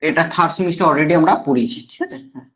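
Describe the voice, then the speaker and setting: Racing along in a fairly high, fairly bright voice, a male teacher with a Bengali accent lectures in a classroom. He repeats key ideas, often confirms that students are following, and the recording has a dull lo-fi quality.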